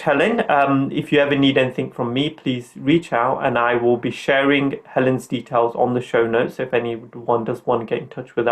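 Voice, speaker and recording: Upbeat middle-aged male podcast host. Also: mid-range voice. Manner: upbeat, earnest, motivational. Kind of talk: motivational podcast chat.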